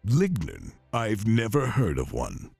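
A man voicing a gruff, greedy king who speaks slowly and commandingly, with a breathy voice. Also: on the low side, wildly swooping pitch, a little mellow, no room sound, faint music behind, exaggerated voice. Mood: menacing. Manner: slow, drawn-out and commanding.

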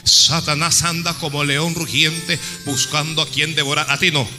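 A man preaching a sermon, retelling a story dramatically and swinging between hushed and shouted lines. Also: on the high side, level tone, moderate pace. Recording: long hall reverb with music.

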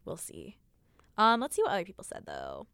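A woman's voice: lowish voice, huge pitch swings, brisk, fairly bright tone, clean tone, no room sound, studio quality. A young American woman hosting a podcast, chatting casually and informally with plenty of slang and "like". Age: young adult. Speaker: podcast host. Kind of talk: casual chat.

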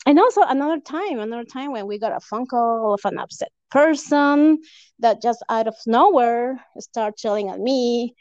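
High-voiced woman. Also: expressive, normal speed, no room sound. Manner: earnest, warm-hearted, laughs between phrases. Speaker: podcast guest. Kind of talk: casual chat. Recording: dull, dry lo-fi recording.

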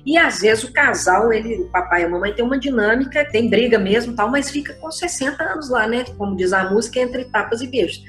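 Expressive Brazilian woman in echoey room. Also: a little high, fairly quick, few pauses, faint music behind. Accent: Brazilian Portuguese. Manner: conversational and expressive, acts out quotes. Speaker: systemic constellation therapist. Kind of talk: explaining listener questions.

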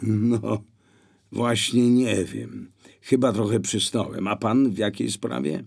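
Man doing a chill blind guy, slow and kinda husky, dry little irony. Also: lowish voice, animated, darkish tone, pitched above the performer's own voice, exaggerated voice. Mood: placid. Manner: placid, mildly ironic. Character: calm blind young man, playing dumb.

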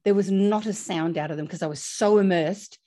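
A woman, a guest expert telling a lively classroom anecdote and acting out the children's lines. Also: medium pitch, a little fast. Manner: lively, acts out quoted voices. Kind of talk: casual anecdotal storytelling.

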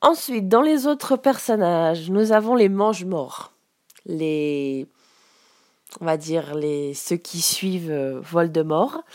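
A woman giving a casual spoken lesson as a teacher, explaining slowly with frequent hesitations. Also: fairly low pitch, a little mellow, no echo, studio quality. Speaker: English teacher.

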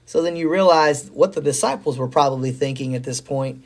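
A hoarse, middle-aged pastor co-hosts a podcast, rambling enthusiastically in a folksy way about faith and church news. His mid-range voice moves fairly quickly through the casual faith talk.

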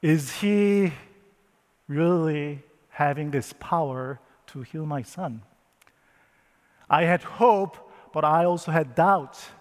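Brief: male preacher, unhurried and emotional, telling a Bible story as its father figure. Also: on the high side, big-room sound. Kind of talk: first-person dramatic retelling of a Bible story.

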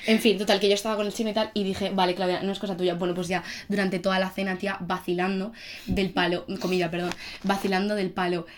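A woman's voice: medium pitch, fast. A young woman from Spain with a Spanish accent, co-hosting a casual podcast chat and telling stories animatedly, acting out what people said. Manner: animated storytelling, acts out quotes. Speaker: podcast co-host.

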